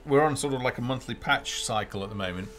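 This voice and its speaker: A man with a mid-range, slightly bright voice talks fast while hosting a casual game developer live stream. He thinks aloud off the cuff, hesitant and rambling, with music playing behind him.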